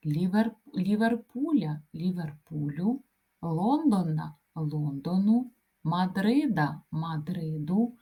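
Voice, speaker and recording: A woman teaching a grammar lesson, reading out lists of example words one by one in a deliberate, dictation-like way. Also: lowish voice, dark tone. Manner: slow, deliberate dictation-like delivery.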